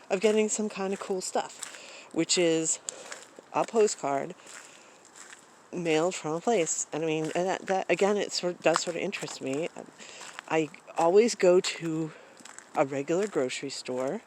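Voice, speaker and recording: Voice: mid-range voice, a little mellow, slight background noise, poor audio. Rambling vlogger talking into a phone. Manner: rambling, many fillers and restarts. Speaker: travel vlogger. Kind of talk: casual rambling monologue. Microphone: phone camera.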